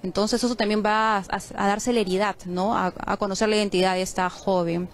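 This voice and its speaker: A woman from Peru delivering a live news report from a crime scene, measured and a little halting. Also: mid-range voice, steady tone, a little hiss or hum. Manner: measured, with frequent fillers. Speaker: field reporter. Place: outdoors on a street at a crime scene.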